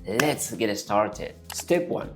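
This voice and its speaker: Speaking straight to viewers, this English-learning YouTuber, a young native Arabic speaker, walks through an upbeat lesson one step at a time. His voice sits on the low side, animated, and he takes it slowly. There's music in the background.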